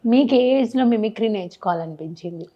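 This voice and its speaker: A woman's voice: fairly high pitch, lively intonation, brisk, muffled recording. A woman hosting an interview, prompting her guest with short encouraging questions. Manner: brief encouraging backchannels and prompts. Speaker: interview host. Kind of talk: casual interview.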